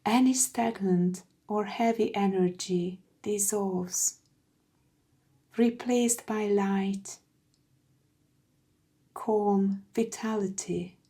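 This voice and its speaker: A woman with a mid-range, steady voice leads a scripted guided meditation very slowly. Her tone is soft, mellow, soothing and hushed, and her phrases often trail off into a breathy near-whisper.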